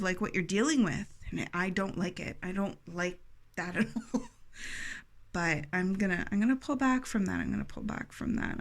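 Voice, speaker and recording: A woman giving a tarot reading to her viewers, earnest and emphatic, repeating phrases for stress. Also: medium pitch. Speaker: tarot reader.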